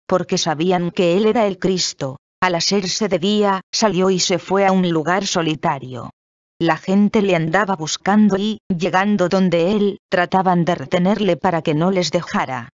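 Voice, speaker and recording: A reader, giving a measured, solemn scripture reading. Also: mid-range voice, dry recording. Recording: dull lo-fi dry recording.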